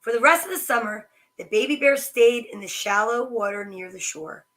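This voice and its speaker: Speaking at normal speed in a slightly high voice, a woman reads picture books aloud for children's story time. Her delivery is sing-song and animated, sprinkled with chatty asides.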